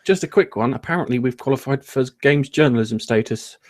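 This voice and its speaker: A man's voice: mid-range voice, brisk, darkish tone. A man hosting a casual gaming podcast, joking and rambling with frequent restarts. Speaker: podcast host.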